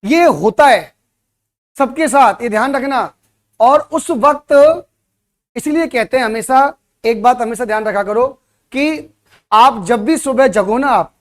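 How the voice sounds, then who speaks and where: A man teaching at a coaching center, giving a motivational classroom talk and throwing rhetorical questions at his students. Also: very high voice.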